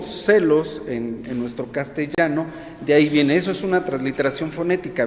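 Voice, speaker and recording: A man leading prayer and then preaching a sermon to a church women's group, often checking in with his listeners. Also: on the high side. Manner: prays then teaches, asks the audience questions. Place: church hall. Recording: echoey hall, long reverb.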